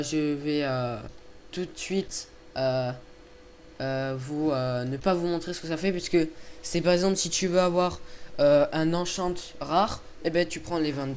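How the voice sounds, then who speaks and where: A man's voice: a little high, a little mellow. A young man giving casual, chatty gameplay commentary, hesitant and full of fillers, recorded on a headset. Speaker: video host. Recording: faint background noise.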